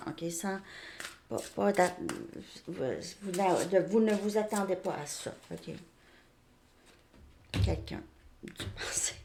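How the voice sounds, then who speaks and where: A woman's voice: medium pitch, slight background noise. Chatty Québécois woman reading tarot. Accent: Québécois French. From Quebec. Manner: chatty, repeats "ok?" often, frequent restarts. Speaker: tarot reader. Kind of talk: casual tarot card reading. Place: home, outside Montreal suburbs.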